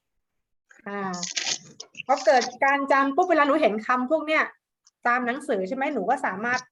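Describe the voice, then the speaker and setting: A woman teacher giving a dictation lesson to children, repeating each word slowly and syllable by syllable, with a coaxing, affectionate manner. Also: high-pitched, fairly bright tone, dull audio. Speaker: primary school teacher.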